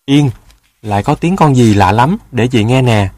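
A man voicing a gentle older sister in a storybook tale, calm and hushing. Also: mid-range voice, moderate pace, no room sound, clean studio sound, close to an everyday voice.

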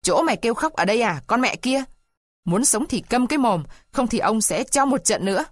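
A brutal male bailiff, put on by a woman reader who yells fast, loud threats. He is menacing and crude. The sound is dry and close. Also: a little high, animated, no room sound. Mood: furious. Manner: yelling, menacing. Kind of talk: storybook reading.

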